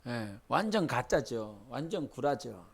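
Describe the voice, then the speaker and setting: A man's voice: mid-range voice, big pitch swings, a little slow, creaky, breathy edge. A man preaching a sermon as pastor, leading the congregation in scripture reading and building to fervent exhortation. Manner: leads congregation in Bible reading.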